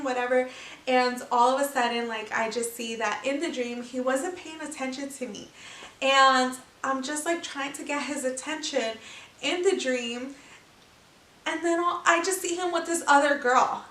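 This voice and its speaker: A young pregnant woman chatting casually to camera as a vlogger, telling stories in an animated way with laughs. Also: sits high. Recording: echoey room, mic at a distance.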